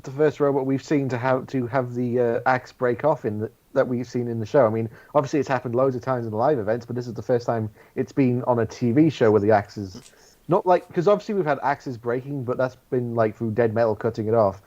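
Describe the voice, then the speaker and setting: Co-host, male, average pitch, dull lo-fi audio, long opinionated sentences. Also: fairly quick, darkish tone. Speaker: podcast co-host. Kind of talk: casual podcast chat.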